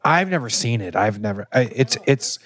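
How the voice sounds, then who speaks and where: A man from the American Midwest, a podcast guest, telling stories in a lively, casual way with some swearing. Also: medium pitch, moderate pace, noisy background. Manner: animated storyteller, swears casually. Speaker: guest, biscuit shop co-owner. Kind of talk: casual chat.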